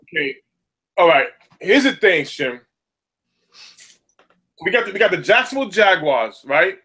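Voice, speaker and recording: A sports podcast co-host with a Southern US accent rants animatedly, repeating words as he builds up. His high voice swings widely in pitch and sounds bright, forceful, and breathy, though he takes his time.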